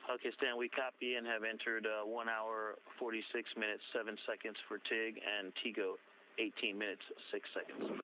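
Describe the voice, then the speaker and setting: A man on the spacecraft crew, reading back numbers in brisk procedural callouts over a space-to-ground radio link. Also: lowish voice, level tone. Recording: muffled radio link with faint hiss.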